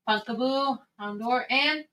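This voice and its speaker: A woman casually reading out her cards one by one, in a musing, drawn-out way. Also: on the high side, fairly bright tone. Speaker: pack opener. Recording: distant mic in a room.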